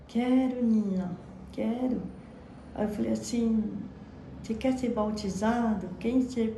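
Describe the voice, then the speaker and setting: A woman's voice: medium pitch, dark tone. A Brazilian woman in her thirties with a Brazilian Portuguese accent, giving a fervent religious testimony into a phone. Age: 30s. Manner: fervent, frequent praise exclamations. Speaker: church member giving testimony. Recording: echoey room, faint background noise.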